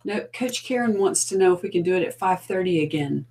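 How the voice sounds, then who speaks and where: A co-host relaying questions from a live chat in a plain, mid-pitched voice. The delivery stays casual and matter-of-fact. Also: animated, fairly quick, darkish tone, rough recording.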